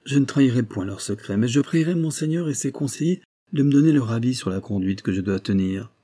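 A man reading aloud, voicing a proud, composed young village woman who pleads her case in formal, measured speech. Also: medium pitch, lively intonation, dark tone, breathy edge. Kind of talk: audiobook reading.

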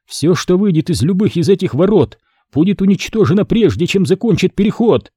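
A man voicing a tense woman navigator on the edge of losing control, talking urgently and sometimes shouting. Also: sits high, expressive, fairly quick, husky, no echo, clean studio sound, voice pushed up. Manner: urgent, strained, at times shouting. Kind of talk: audiobook character reading.

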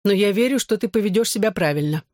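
A man's voice: high voice, expressive, fast talker, a little mellow, dry recording, studio quality, voice pushed up. A man voicing a tearful, fretting middle-aged mother who sobs, wails and sniffles as she talks. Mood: pleading. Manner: sobbing, wailing, sniffling.

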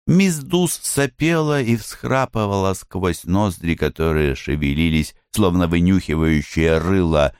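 A man narrating a literary audiobook in a measured, expressive reading. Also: low voice, clean tone, no room sound, studio quality. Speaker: audiobook reader.

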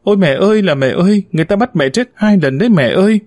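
A man voicing a spoiled, demanding young man who wails loudly in a high voice, read as part of a spoken story. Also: expressive, measured pace, no echo, lightly acted. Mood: wailing. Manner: wailing, high and loud.

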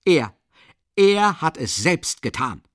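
A man's voice: on the high side, expressive, moderate pace, a bit bright, no room sound, studio quality, voice pushed up. A man reading an audiobook, voicing an earnest young male idealist who shrilly and vehemently accuses someone, repeating himself. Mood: furious.

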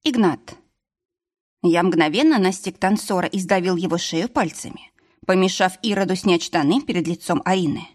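Husky-voiced woman narrating an audiobook. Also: lowish voice, moderate pace. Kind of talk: scripted first-person narration.

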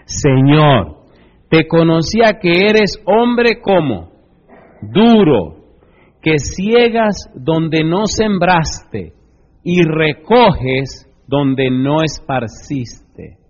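A man voicing a wicked servant who speaks to his master in slow, emphatic tones. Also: on the high side, animated, full character voice. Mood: accusing. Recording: echoey hall, dull lo-fi sound.

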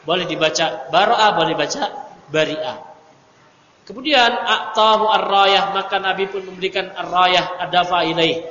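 A man teaching a religious study lecture, lively and teasing his audience in asides. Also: high voice, moderate pace. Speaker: Islamic teacher. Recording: echoey hall, dull lo-fi audio, faint hiss.

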